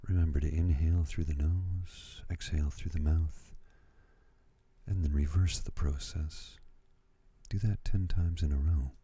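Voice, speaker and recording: A man in his fifties speaking in a soft, breathy ASMR voice, slow and soothing, moving between whispering and murmuring close to a studio microphone. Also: extremely low pitch, fairly even intonation. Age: 50s. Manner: slow, soothing, hushed delivery. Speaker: ASMR host. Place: at home.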